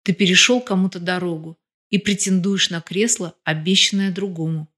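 A woman voicing a sharp-tongued ironic wife. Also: lowish voice, normal speed. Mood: serious. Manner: ironic, blunt.

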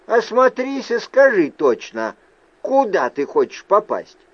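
A man's voice: high-pitched, wildly swooping pitch, measured pace, highs cut off, voice pushed up, full character voice. A man voicing a curt, impatient male ghost. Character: male ghost, wary transporting spirit.

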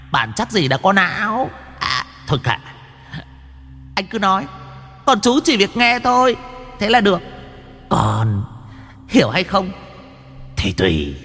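A man's voice: huge pitch swings, measured pace, pauses often, sharp tone, long reverb tail, faint music behind, full character voice. A man voicing a boastful, chatty male demon who mocks and preaches between wild laughs. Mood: mocking, preachy. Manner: shrill, mocking, preachy, full of wild laughs.

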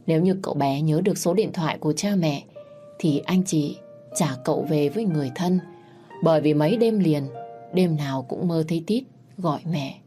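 A woman narrating a sad family story in a calm, even storytelling manner. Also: low voice, moderate pace, soft background music.

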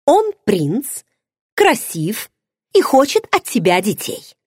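Bubbly teasing pregnant gal, a lady reading her, higher voice, bouncy tune, dry sound. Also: wildly swooping pitch, slow, darkish tone, slightly rough, no echo, full character voice. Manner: teasing, bubbly, pushy questions. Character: teasing pregnant young woman friend, nosy, playful.

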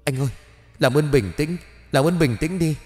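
A man's voice: a little high, moderate pace, darkish tone, roomy sound, long reverb tail, faint music behind, pitched above the performer's own voice, natural voice. A man voicing a desperate young wife who begs her husband to spare her. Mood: pleading. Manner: begging, tearful.

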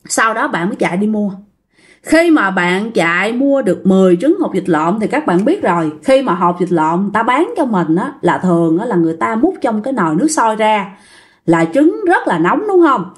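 Lively woman storyteller. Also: medium pitch, moderate pace. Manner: chatty, addresses listeners directly. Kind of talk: casual ghost-story telling.

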